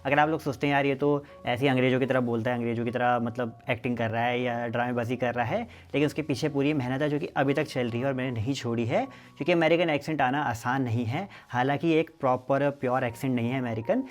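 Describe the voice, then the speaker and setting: A young man from the Uttarakhand hills, vlogging casually and talking straight to his viewers outdoors at his village home. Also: mid-range voice. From Uttarakhand hills, India. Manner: chatty, quick, speaks to viewers directly. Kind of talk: casual village vlog talk to camera.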